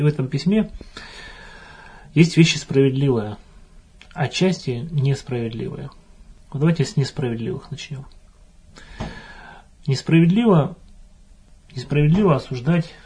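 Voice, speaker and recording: A man's voice: medium pitch, mellow, breathy edge. A man, a priest, answering a listener's letter in a thoughtful, hesitant way with frequent restarts.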